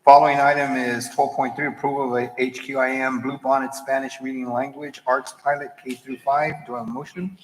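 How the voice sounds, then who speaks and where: A man chairing a board meeting, running formal procedure in a brisk, businesslike manner. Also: medium pitch, level tone. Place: large echoey meeting room. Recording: echoey hall, clear background noise.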